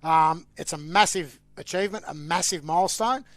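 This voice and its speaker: A man's voice: fairly high pitch, moderate pace, a bit bright, no echo. An Australian man hosting a casual sports podcast, announcing news with upbeat emphasis. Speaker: podcast host.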